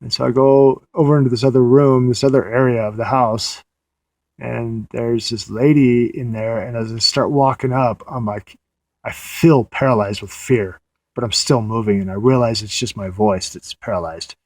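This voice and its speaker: A man's voice: medium pitch, steady tone, moderate pace, a little mellow, no echo. A man recounting a dream in a casual, meandering way, often restarting his sentences, sitting in a parked car at night. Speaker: audio diarist.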